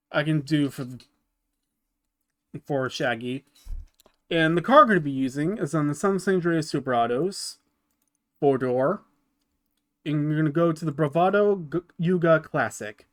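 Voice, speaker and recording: Halting man narrating a game build. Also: fairly high pitch. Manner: halting, often restarts and repeats words. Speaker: gaming channel host. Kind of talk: casual game build tutorial voice-over.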